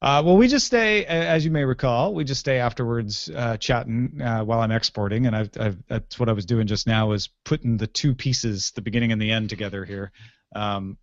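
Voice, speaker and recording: A friendly man hosts a casual podcast after-show chat, joking easily with his co-host. His voice sits at a middling pitch. The sound is dry and slightly dull. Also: fairly quick, dry recording.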